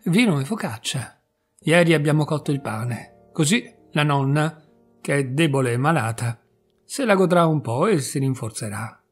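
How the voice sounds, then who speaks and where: A man voicing an innocent little girl in a storybook reading, speaking slowly and earnestly. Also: a little high, expressive, slightly rough, soft background music.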